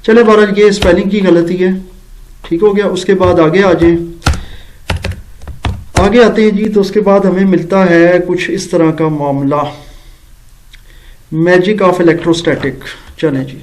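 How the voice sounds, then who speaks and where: A man with a Pakistani accent talks in a voice pitched fairly high for a man. He hosts a critical review vlog as a teacher, stretching English words out slowly and adding dry sarcastic asides. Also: darkish tone, rough recording. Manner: slow, deliberate English words and spelling out mistakes. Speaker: education channel host and teacher.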